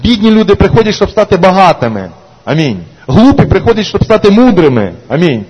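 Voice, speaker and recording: A man's voice: sits high, big pitch swings, brisk, a little mellow, slightly rough. A male pastor preaching a sermon, repeating "amen" and building to emphatic calls. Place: church hall. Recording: echoey church hall, dull lo-fi sound.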